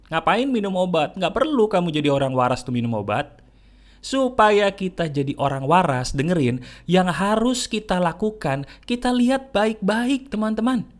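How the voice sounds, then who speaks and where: A man's voice: high-pitched, expressive, normal speed. A man giving a motivational talk, asking listeners questions and talking them step by step through a short exercise. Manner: asks questions, then answers them as a voice from the audience. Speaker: motivational speaker. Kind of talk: motivational talk addressing viewers.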